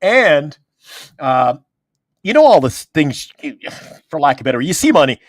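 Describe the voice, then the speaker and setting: A man co-hosting a casual sports talk show, telling animated, joking stories. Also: a little high, normal speed, dry recording, clean studio sound. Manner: animated storyteller, joking, acts out quotes. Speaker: co-host.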